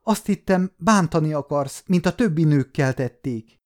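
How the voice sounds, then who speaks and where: A man's voice: a little high, very animated, a little mellow, pitched above the performer's own voice. A man voicing a frightened little girl of about ten, sobbing and pleading in an audiobook.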